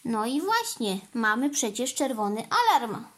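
A woman reading a storybook, voicing a calm, matter-of-fact adult male fireman. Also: fairly high pitch, unhurried, heavily acted.

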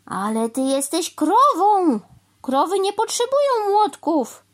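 Woman doing a fussy old crow guy, squeaky high and swoopy, spelling everything out slow. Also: sing-song. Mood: exasperated. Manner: lecturing, slow and overly clear. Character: fussy, pedantic male crow neighbour. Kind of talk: storybook reading.

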